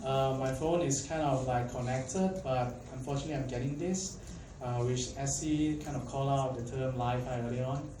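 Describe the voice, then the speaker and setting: A Malaysian-born man giving a casual tech conference talk speaks in a steady, mid-range voice at a moderate pace with hardly any pauses. He's chatty and filler-heavy and often asks the audience questions. It's recorded in an echoey conference hall from a distant mic, with faint background noise.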